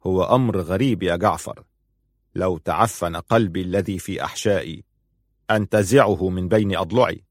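A weary old ruler speaks with stern bitterness, as a male storyteller plays him. His voice sits low and firm. The storybook father sounds worn down by grief. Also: fairly quick, no room sound, clean studio sound. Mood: bitter.

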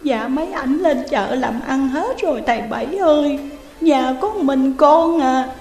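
A woman's voice: high-pitched, expressive, brisk, darkish tone, pitched above the performer's own voice. A woman voicing a small frightened girl, begging breathlessly and sobbing. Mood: pleading, tearful. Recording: roomy reverberant room, faint music.

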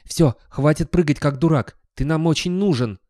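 A man voicing a grumpy, scruffy old male talking dog with a hoarse, grumbling voice in an audiobook. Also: medium pitch, fairly quick, mellow, no echo, studio quality, pitched above the performer's own voice, close to an everyday voice. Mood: scolding.

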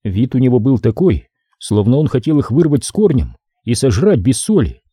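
A man narrating an audiobook in an expressive, lively storytelling manner. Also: medium pitch, normal speed, husky, dry recording, studio quality.

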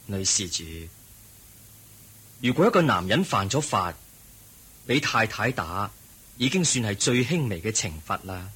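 A serene, wise Buddha with a Hong Kong Cantonese accent, speaking in a low, husky voice. He counsels gently and in measured tones, with a voice that rises and falls freely. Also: sing-song, heavily acted. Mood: calm counsel. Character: the Buddha, a calm, wise, compassionate male teacher. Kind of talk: radio drama acting.

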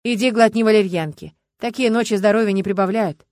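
A woman's voice: medium pitch, a little fast, darkish tone, dry recording, studio quality, natural voice. A woman reading an audiobook and voicing a tired, stern male police investigator who talks in a lecturing way. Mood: weary.

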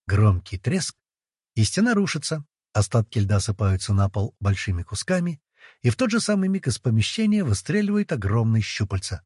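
Husky guy reading a fantasy audiobook, wry and playful, super lively pitch, dry close mic. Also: normal speed, no echo. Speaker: audiobook narrator. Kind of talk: first-person fantasy audiobook narration.

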